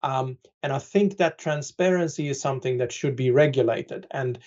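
A man's voice: medium pitch, moderate pace, a little mellow, muffled recording. A man speaking as an expert guest on a podcast, explaining things conversationally with dry sarcastic humor and many "right?" tags.

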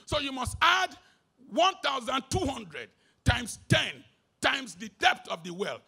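A Nigerian man preaching a sermon live at a concert, swinging between shouted lines and low muttered asides, slipping into pidgin. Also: sing-song, slow, gravelly, breathy edge.

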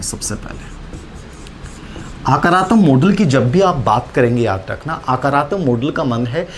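A male teacher delivers an exam-prep psychology lesson at a middle pitch. He poses questions and answers them straight away, often closing a point with "okay." A faint background hiss sits under his voice. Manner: tags lines with "ठीक है".

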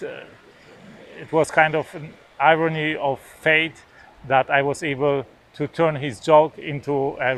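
A man in his forties from Poland, a native Polish speaker, talking casually to the camera outdoors on a beach lawn, hesitant with many filler sounds and restarts. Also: a little high. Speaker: vlogger.

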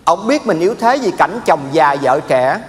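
A man's voice: fairly high pitch, sing-song, normal speed. An actor playing an earnest young man who respectfully explains his father to an elder. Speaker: stage comedy actor. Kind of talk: stage sketch acting. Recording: live stage with hall echo.

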